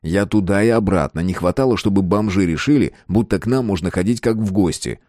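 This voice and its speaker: A man's voice: deep voice, a little fast, warm tone, no echo, natural voice. A man reading an audiobook voices a wry, joking young husband close to his own voice. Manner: joking, easygoing. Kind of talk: audiobook character voice.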